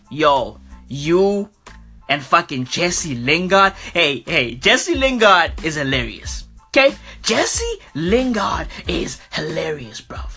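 Bright, forceful man ranting over music. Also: high voice. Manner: slangy, taunting, repeats phrases for emphasis. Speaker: podcast host. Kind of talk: animated sports fan rant.

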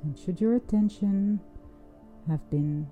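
A woman leading a guided breathing meditation in a soft, soothing, unhurried voice with long pauses. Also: medium pitch. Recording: dull, muffled sound with music underneath. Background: music.

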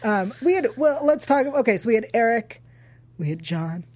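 Woman, TV after-show host, casual recap chat, emphatic, higher voice, dry close sound. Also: expressive, normal speed, a little mellow, breathy edge, no room sound. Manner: chatty, emphatic, repeats points for effect.

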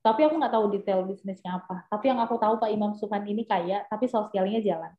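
A young adult woman appears as an entrepreneur guest in a casual interview, chatting animatedly at a quick pace with many fillers. Her voice is mid-range, and the recording sounds echoey, dull and lo-fi.

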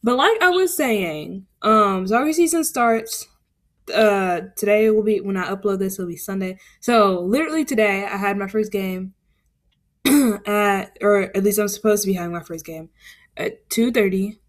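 A woman's voice: medium pitch, moderate pace. A teenage girl hosting a casual podcast, protesting and laughing, rambling through stories. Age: teens. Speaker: podcast host. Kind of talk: casual chat.

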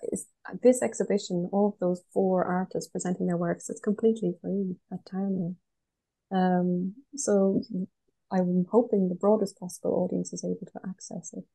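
A woman with a west of Ireland accent in conversation as an interview guest. Her voice is mellow and husky with some creak, and she answers in a thoughtful, practical way. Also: fairly low pitch, little pitch movement, normal speed, low-quality recording. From Galway, west of Ireland. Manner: thoughtful, pragmatic. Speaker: interview guest, art curator.

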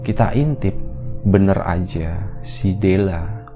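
A man casually retelling a horror story as a podcast storyteller, in a relaxed, rambling, conversational way. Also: sits low, slow pace, faint music behind.

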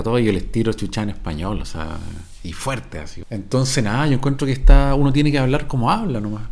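A man's voice: on the low side, darkish tone. Slangy Chilean man rambling casually. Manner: slangy, rambling, peppered with cachai. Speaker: podcast host. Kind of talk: casual opinion monologue.

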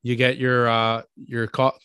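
A man with a New York accent talks through ideas in a relaxed, conversational way. He builds his points from everyday examples and keeps asking "right?" to check in. The sound is dry, with no room echo. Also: medium pitch, a little slow, clear, resonant tone. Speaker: podcast co-host. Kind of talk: casual conversational explaining.

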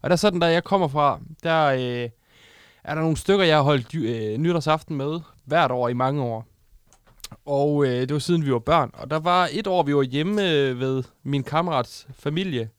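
A man's voice: a little high, clear, resonant tone, no room sound, studio quality. A man co-hosting a casual chat, telling a rambling anecdote with lots of hesitations. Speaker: podcast co-host.

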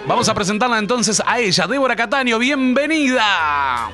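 Man, Uruguayan accent, radio host, swooping intonation, fairly high voice, casual banter. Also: expressive, moderate pace, bright, forceful tone. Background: background music.

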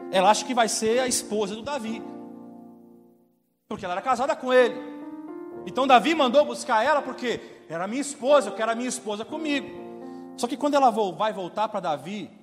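A man, preaching a sermon, reading scripture and retelling it in an animated, colloquial way. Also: high voice. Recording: reverberant hall with faint music.

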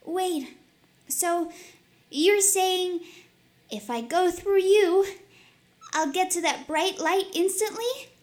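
A woman reading a storybook, voicing Maria, a curious and innocent young girl, in a high, excited voice. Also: slow, pauses often. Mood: hopeful.

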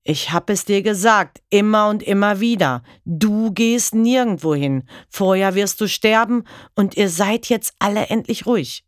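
A woman reading a story aloud and voicing a violent grown man who shouts and bullies his family. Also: mid-range voice, unhurried, hardly any pauses, no echo, studio quality, pitched above the performer's own voice, lightly acted. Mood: raging. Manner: shouting, bullying.

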